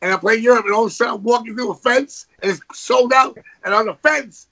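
A man in casual chat, talking excitedly with many stumbles and restarts. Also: very high-pitched, fast talker, muffled recording. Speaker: podcast guest musician.

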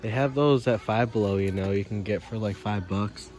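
A young man filming a casual vlog while walking through a large store, playful and excitable. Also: lowish voice, normal speed. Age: young adult. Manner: playful, excitable, laughs often. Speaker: vlogger. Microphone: handheld phone camera.

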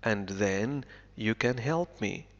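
A man reading out the lines of an earnest young blacksmith, slowly and evenly, with a gravelly voice, in a dull recording with a long echo. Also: on the low side, full character voice. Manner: slow, even read-aloud delivery. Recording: lo-fi with long reverb.

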